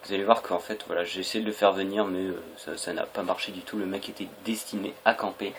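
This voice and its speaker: A young man with a fairly low voice commentates casually on a video game. His delivery is hesitant and rambling, and the homemade recording has clear noise behind the voice. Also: steady tone, fast, a bit bright. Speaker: gaming video creator.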